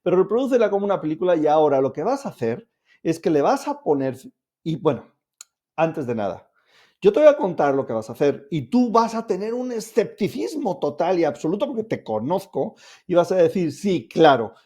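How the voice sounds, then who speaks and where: A man's voice: sits high, big pitch swings, fairly quick, warm tone. A man giving a self-help lesson to camera, explaining steps directly to the viewer in an upbeat, coaxing way. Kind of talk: instructional talk to camera.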